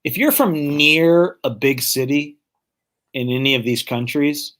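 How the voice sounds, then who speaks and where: A man's voice: fairly high pitch, unhurried, fairly bright tone. A man from the Detroit area co-hosting a live football fan show. He talks casually, hedges his points, swears and fills gaps with "like.". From Detroit area, United States. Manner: casual, hedging, swears, many fillers like "like". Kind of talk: casual live-stream chat.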